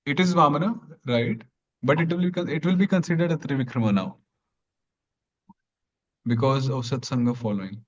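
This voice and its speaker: A man teaching an online grammar class, explaining patiently step by step and clearing his throat now and then. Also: mid-range voice, lively intonation, moderate pace, long pauses, muffled recording.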